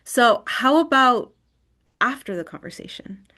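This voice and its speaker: A woman's voice: on the high side, lively intonation, unhurried, sharp tone. A woman leading an online wellness workshop in a screen recording of a video call. She talks conversationally and often checks in with "right?".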